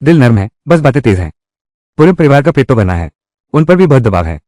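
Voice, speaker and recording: A man's voice: mid-range voice, sing-song, fairly quick, a little mellow, no room sound, clean studio sound, lightly acted. A man voicing heated, scolding family quarrels in dubbed drama dialogue. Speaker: voice actor dubbing a village family drama.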